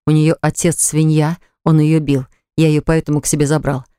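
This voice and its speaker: A man voicing a hot-tempered young man in an audiobook, forceful and commanding. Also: fairly high pitch, flat delivery, moderate pace, clean tone, dry recording, clean studio sound, lightly acted. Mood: angry, demanding.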